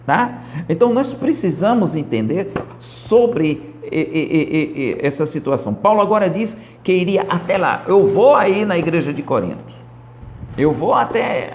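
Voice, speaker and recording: A man's voice: fairly high pitch, a little mellow, slight background noise. A Brazilian man, a pastor giving a live-streamed Bible lesson in a didactic, emphatic way, often checking that listeners follow. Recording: dull, lo-fi live stream audio.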